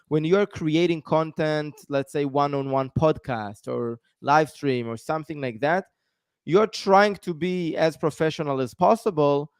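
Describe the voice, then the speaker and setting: An Israeli tech founder in his 30s explains at length as a guest on a live-stream interview, with plenty of ums. His voice sits on the high side with a darkish tone, and the recording is clean studio sound with no room noise.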